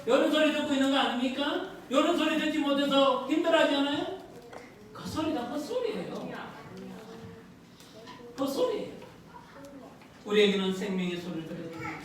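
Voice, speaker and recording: High-voiced woman pastor in an echoey church. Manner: earnest, questioning the congregation, laughing at times. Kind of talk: sermon. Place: church sanctuary. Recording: echoey hall, distant mic, noisy.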